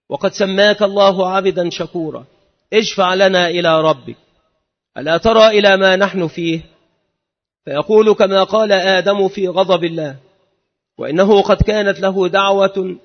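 A man reads and explains hadith in a measured, formal recitation. His voice sits high for a man. The recording is muffled and lo-fi, and a long hall reverb trails each phrase. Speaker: religious teacher.

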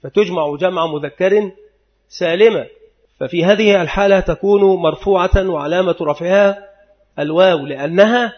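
A man teaching Arabic grammar in a methodical lecture, repeating each rule and slowly sounding out the examples. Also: high voice. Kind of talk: explanatory lecture. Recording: dull lo-fi recording.

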